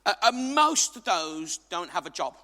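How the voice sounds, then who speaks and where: An English preacher addresses his congregation in a reverberant church hall, joking, emphatic, and making asides to the crowd. His male voice sits high with big pitch swings, a measured pace, and a bright, forceful tone.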